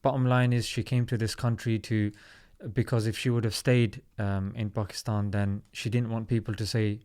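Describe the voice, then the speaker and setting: A man's voice: on the low side, level tone, moderate pace, darkish tone, clean tone. A man in his thirties from South London, a podcast guest telling his story in an earnest, reflective way. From South London, England. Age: 30s. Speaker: podcast guest, comedy YouTuber. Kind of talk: casual interview talk.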